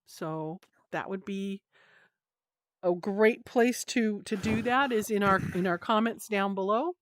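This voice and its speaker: A woman's voice: medium pitch, takes it slowly, dry recording. A woman co-hosting a casual gaming podcast, talking in a chatty, rambling way with lots of fillers. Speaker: co-host.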